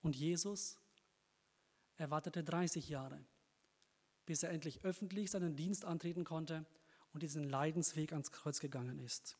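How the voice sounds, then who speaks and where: Earnest high-voiced preacher in a hall. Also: male voice, normal speed, long pauses, a little mellow. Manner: earnest, encouraging, addresses listeners directly. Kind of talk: sermon.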